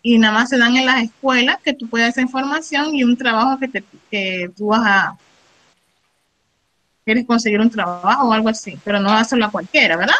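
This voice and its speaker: A middle-aged woman leads an English lesson, her voice bright and a little high. She reads English phrases slowly, then explains them, checking in with the class again and again. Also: rough recording. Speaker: English teacher.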